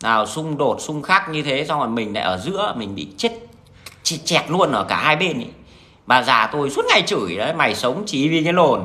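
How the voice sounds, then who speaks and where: A man's voice: mid-range voice, big pitch swings, brisk, pushed and bright. A man with a Northern Vietnamese accent, talking to his viewers in a blunt, crude, rambling monologue full of restarts. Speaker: vlogger addressing viewers.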